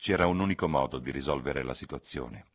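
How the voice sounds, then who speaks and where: A man from Italy narrates a classic novel as an audiobook reader. His voice is deep and husky, and his delivery measured and expressive. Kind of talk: literary narration.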